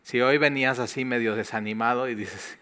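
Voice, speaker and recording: A male pastor with a Mexican Spanish accent delivering a sermon. His voice is bright and clear, and he keeps the tone conversational and lively, acting out little quoted asides as he talks. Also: medium pitch, brisk.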